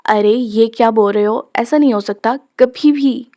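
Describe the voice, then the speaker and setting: A woman's voice: a little high, unhurried, warm tone, close to an everyday voice. A woman reading the part of a young man, an uncle, who answers surprised and firm in a storybook.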